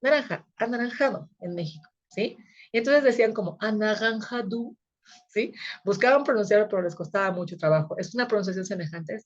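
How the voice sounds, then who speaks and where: Woman, teacher, video lecture, chatty, keeps checking understanding, mid-pitched, slightly muffled. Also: quick pace. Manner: conversational, frequent checking tags.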